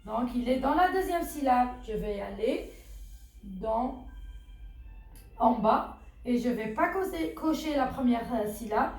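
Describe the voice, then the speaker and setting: A woman teacher patiently walking children through a phonics exercise, repeating words and asking questions as she goes. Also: sits high. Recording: very echoey room with faint music.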